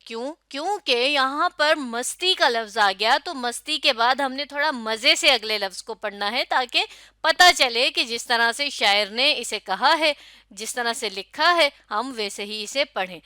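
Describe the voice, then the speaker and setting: A woman teacher in a recorded lecture, her voice a little high, bright and smooth. She reads example sentences aloud and recites verse slowly, drawing out each line, then explains. The sound is close and dry. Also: animated, no echo. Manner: slow, drawn-out recitation of verse. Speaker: Urdu teacher.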